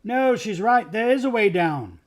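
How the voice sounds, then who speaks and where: A man reading aloud, voicing an eager, impulsive boy king who calls out with excitement in a storybook reading. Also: on the high side, brisk, breathy edge. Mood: excited. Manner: shouting with excitement.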